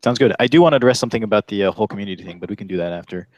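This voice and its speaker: A man co-hosting a casual livestream, talking to chat in a hesitant, low-key way. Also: very fast, darkish tone, no echo. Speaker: livestream co-host.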